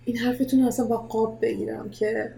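A woman hosting a casual interview, talking in a lively way and dropping English words into her speech. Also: fairly high pitch, gravelly. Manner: animated, mixes English words into Persian. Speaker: podcast host. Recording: roomy echo, faint noise.

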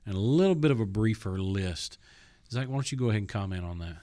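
A man's voice: lowish voice, animated, fast talker, mellow, dry recording. A man who is a pastor, co-hosting a church podcast, joking and teasing between reading verses. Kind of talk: casual chat.

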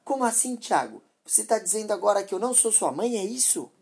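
A woman's voice: medium pitch, sing-song, quick pace, vocal fry, darkish tone, slightly rough, pitched above the performer's own voice, full character voice. A woman voicing a harsh, impatient mother who scolds sharply and dismissively. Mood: scornful.

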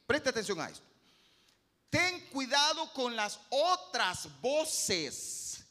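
A male pastor, preaching an animated sermon and acting out the voices he quotes. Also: very high voice, slow pace. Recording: long hall reverb.

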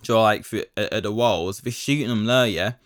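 A young man rambles through a story on his podcast, dropping slang and asking "do you know what I mean" along the way. His voice sits on the low side. The sound is dry and close, with no room in it. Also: normal speed, no room sound. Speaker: podcast host. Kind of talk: casual solo storytelling.

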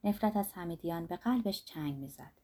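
A woman narrating a novel in a measured, expressive storytelling manner. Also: on the low side. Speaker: audiobook narrator. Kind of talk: scripted narration.

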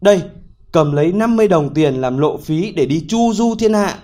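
An exasperated old father scolding his foolish son in a spoken folk tale, played by a man. The voice jumps high and loud when he rebukes. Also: expressive, normal speed. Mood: weary. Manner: scolding, shouting.

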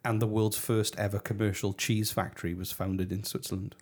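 A man's voice: on the low side, flat delivery, a little fast, darkish tone. A British man hosting a casual podcast, joking and laughing often, with frequent restarts. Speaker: podcast host.

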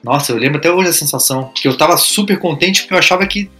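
Bright-voiced man, podcast co-host. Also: on the high side, racing, soft background music. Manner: supportive, explains with everyday comparisons. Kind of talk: casual podcast chat.

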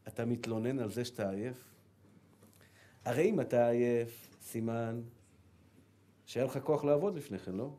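A middle-aged rabbi from Israel giving a sermon, telling stories with lively acted-out dialogue and repeated words. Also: male voice, medium pitch. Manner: animated storytelling, acts out dialogue and repeats words.

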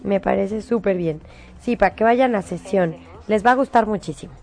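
A woman's voice: medium pitch, moderate pace, vocal fry. Coaxing Mexican woman giving angel predictions. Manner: warm, coaxing, animated advice with laughs. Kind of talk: spiritual advice on a chat show.

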